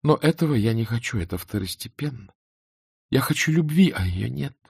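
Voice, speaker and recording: A man's voice: medium pitch, lively intonation, normal speed, gravelly, darkish tone, husky, no room sound, clean studio sound, voice pushed up. A man voicing a proud, wounded young noblewoman in a reproachful, emotionally raised delivery.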